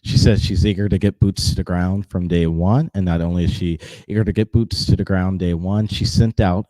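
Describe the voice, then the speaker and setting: Man, news show host, very low mellow voice, casual commentary, dry close sound. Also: no echo.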